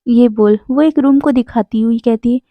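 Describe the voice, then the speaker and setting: A woman's voice: a little high, moderate pace, dry recording. A woman narrating a fan fiction story, voicing every character's lines in her own voice. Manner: reads all dialogue in her own voice. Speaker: fanfiction narrator. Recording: dry tinny phone-like audio.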